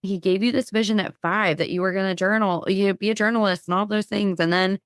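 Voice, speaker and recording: A woman guest on a podcast, telling a lively faith story and acting out her own past thoughts in quotes. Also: medium pitch, brisk, clear, resonant tone, no echo, clean studio sound.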